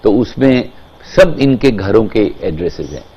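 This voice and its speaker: A man's voice: on the low side, expressive, racing, warm tone, husky, dull audio. A man with an Indian accent telling stories as an interview guest, emphatic and switching between languages. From Kashmir, India. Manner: emphatic, mixes Hindi and English.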